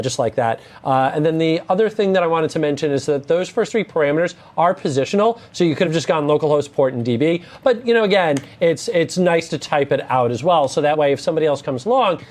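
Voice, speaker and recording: A man co-teaching a coding lesson, relaxed and playful, with plenty of fillers. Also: on the high side. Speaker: course co-instructor. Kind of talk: casual tutorial banter.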